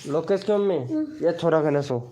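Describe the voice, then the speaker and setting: A man's voice: a little high, brisk, warm tone, slight background noise. A young man hosting a casual live stream from home, greeting viewers by name and reading out their chat messages.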